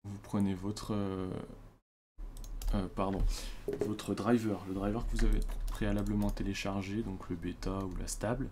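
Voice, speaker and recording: A man's voice: fairly low pitch, little pitch movement, moderate pace, background noise. A French man presenting a computer tutorial in a loose, chatty way, with many fillers and self-corrections. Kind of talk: casual screen-recorded tutorial.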